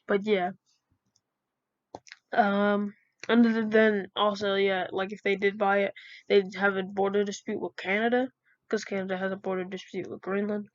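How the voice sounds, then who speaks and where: A woman's voice: medium pitch, little pitch movement, normal speed, no echo. Rambling woman with a dull dry sound. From United States. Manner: rambling, many fillers and restarts. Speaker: video creator. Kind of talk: unscripted casual talk.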